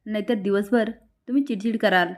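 A woman's voice: mid-range voice, steady tone, brisk, lightly acted. Woman reading as a nervous junior constable. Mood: apologetic.

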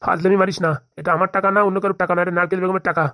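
A woman's voice: fairly low pitch, little pitch movement, very fast, sharp tone, dry recording, clean studio sound. A woman acting in a comic sketch, blustering and threatening. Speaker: comedy sketch performer.

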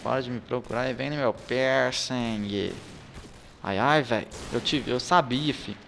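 A young Brazilian man giving excitable gameplay commentary, swearing, laughing and groaning as he plays. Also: medium pitch, measured pace, gravelly, long reverb tail, slight background noise. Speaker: gaming YouTuber. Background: game gunfire.

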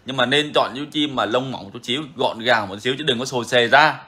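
A man's voice: medium pitch, a little fast, pushed and bright. A man hosting a bird-keeping channel, talking casually and frankly to viewers, repeating himself often. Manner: frank, repetitive, chatty.

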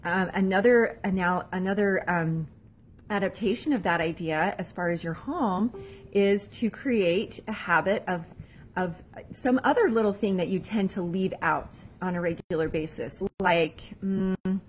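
A woman in her forties giving a casual motivational talk as a mentor, chatty and self-deprecating, often jumping up into high pitch to act out what people say. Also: unhurried, slight background noise. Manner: animated, acting out quoted voices in a much higher pitch. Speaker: mentor and blogger.

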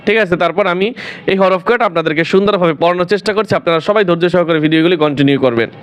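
A man's voice: sits high, fast, smooth, muffled recording. A man teaching Quran reading at home, calling out Arabic letters one by one and patiently explaining each.

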